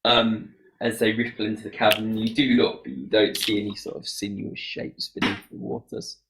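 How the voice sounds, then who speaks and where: A man acts as game master for a tabletop session. His voice is low with a gravelly creak, and he describes scenes in a halting, conversational way. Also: flat delivery, fairly bright tone, rough recording. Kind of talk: improvised tabletop game narration.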